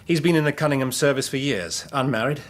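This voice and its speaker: A man's voice: medium pitch, fast, close to an everyday voice. An actor playing an eager, methodical young male police inspector, polite and respectful, in a radio drama. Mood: earnest reporting.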